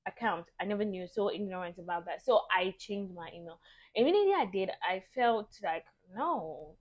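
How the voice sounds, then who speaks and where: A young Ghanaian woman vlogger telling a story to camera in a casual, animated and exasperated way. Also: mid-range voice. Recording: dull lo-fi audio.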